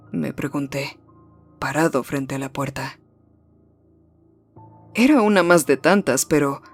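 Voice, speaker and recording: In a hushed, measured manner, a storyteller with a mid-pitched voice and some vocal fry narrates a first-person horror tale, slowing and sinking at the tense moments. Faint music plays underneath.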